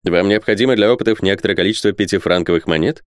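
A man's voice: sits low, very fast, clean tone, no echo, studio quality, natural voice. A man voicing a composed army captain who gives firm orders. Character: calm commanding male army captain.

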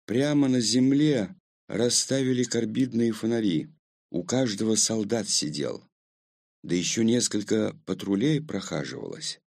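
Slow, gravelly male audiobook narrator. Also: on the low side, darkish tone, dry recording, studio quality. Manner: slow, measured storytelling. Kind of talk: first-person audiobook narration.

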